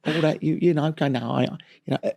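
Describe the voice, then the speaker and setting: A man's voice: fairly high pitch, fairly even intonation, racing, gravelly, darkish tone, dry recording. A man from England, a comedy actor guest on a radio show, chatting casually in a self-deprecating way. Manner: chatty, self-deprecating, breaks into brief voices. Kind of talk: casual radio interview chat. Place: radio studio.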